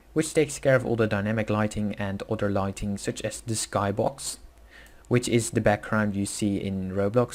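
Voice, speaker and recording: A young Dutch-accented man from the Netherlands hosts a screen-recorded coding tutorial in English, his second language. His mid-range voice carries a casual, hesitant delivery with many fillers and self-corrections.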